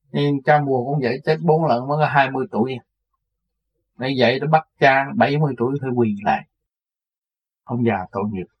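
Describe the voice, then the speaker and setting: An older man tells a personal story in earnest, now and then acting out the voices of the people in it. His voice is husky and rough at the edges, at a middling pitch. The recording sounds dull and lo-fi. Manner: recounts events earnestly, acts out quoted voices.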